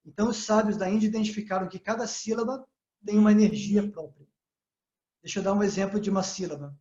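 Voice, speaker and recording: A man giving a calm spiritual lesson, often checking in with his listeners as he explains. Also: sits high, quick pace. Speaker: yoga teacher. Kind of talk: spiritual talk. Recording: echoey, slightly dull sound.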